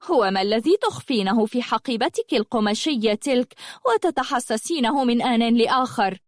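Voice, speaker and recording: A woman voicing a vain, mocking witch in a storybook reading, with a scornful, teasing manner and a higher voice than her narration. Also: lively intonation, moderate pace, no echo, clean studio sound, close to an everyday voice. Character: mocking, vain female witch, cruel and playful.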